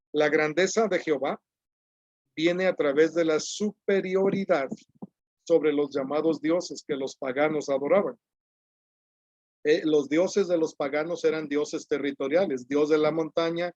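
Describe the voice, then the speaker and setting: A man preaching a sermon, explaining a psalm step by step, repeating key phrases and reading scripture slowly. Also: a little high, darkish tone, no room sound, muffled recording.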